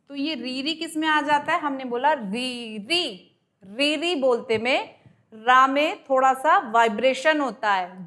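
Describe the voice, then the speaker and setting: A high-pitched woman teaches an exam-prep grammar class at an unhurried pace. She explains step by step and draws sounds out slowly to demonstrate them. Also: fairly bright tone. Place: coaching class.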